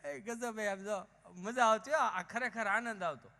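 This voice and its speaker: This folk comedian's voice sits high and sharp, and he keeps a measured pace while doing village characters in changing voices during his live stand-up. He's on an outdoor or hall folk stage, with long hall reverb on the recording.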